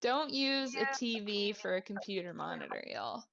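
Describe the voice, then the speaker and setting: A woman's voice: medium pitch, lively intonation, moderate pace, gravelly, dull audio, crowd noise. A woman game master improvising narration in an informal, playful, sweary way.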